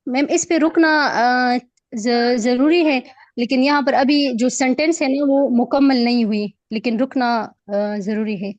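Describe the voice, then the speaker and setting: A woman's voice: sits high, steady tone, a little mellow, no room sound, highs cut off. A woman student reciting scripture in an online class and answering her teacher hesitantly and politely. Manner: hesitant and deferential when answering.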